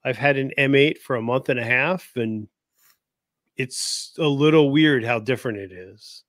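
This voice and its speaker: A man's voice: mid-range voice, moderate pace, a bit bright, dry recording, studio quality. A man hosting a casual podcast chat, blunt and opinionated but often hedging with "I don't know.". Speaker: podcast host.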